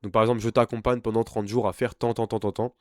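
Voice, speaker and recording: A man's voice: on the low side, flat delivery, quick pace, dry recording, clean studio sound. A young man working as an online business coach gives an informal screen-share tutorial. He talks bluntly and pushily, straight at the viewer. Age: young adult.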